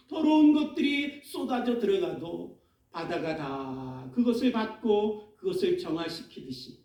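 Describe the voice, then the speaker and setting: A man's voice: high-pitched, warm tone. A man preaching a sermon as pastor, dramatic, acting out laments in a raised voice. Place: church sanctuary. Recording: echoey church hall, mic at a distance.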